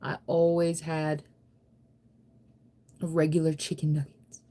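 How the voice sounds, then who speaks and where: An American woman in her thirties chats on a casual late-night livestream, reading and answering viewer comments in a rambling, playful, self-teasing way. Her voice is deep and dark, level in tone, and she takes her time.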